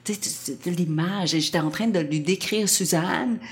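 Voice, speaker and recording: A woman with a Québécois accent telling a personal anecdote to an audience, animated and laughing often as she talks. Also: lowish voice, moderate pace. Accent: Québécois French. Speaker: storyteller.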